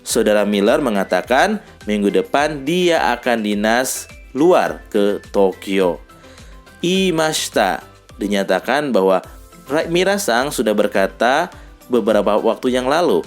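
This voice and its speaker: Guy teaching a language class, voice goes up and down a lot, patient, soft music under it. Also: fairly low pitch. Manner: reads dialogue examples slowly and explains them patiently. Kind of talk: lesson explaining grammar.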